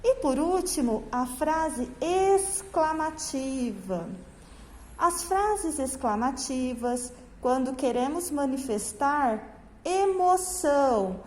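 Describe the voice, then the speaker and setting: A woman teacher explaining a lesson to young pupils, speaking through a face mask in slow, drawn-out phrases and checking in with the class often. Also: high voice, expressive, a little mellow, in a large hall, a little hiss or hum, poor audio. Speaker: primary school teacher. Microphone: phone camera.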